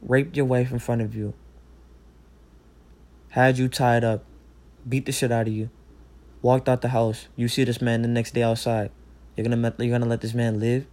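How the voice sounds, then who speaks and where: Man, casual rant, profane, rambling, heated, mid pitch. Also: little pitch movement, moderate pace, long pauses, darkish tone.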